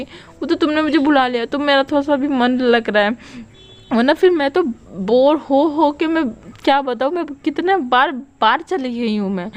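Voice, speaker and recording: A woman's voice: high-pitched, pitched above the performer's own voice, lightly acted. A woman voicing a playful young woman who teases her friend and chatters about missing her girlfriend. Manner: teasing, chatty.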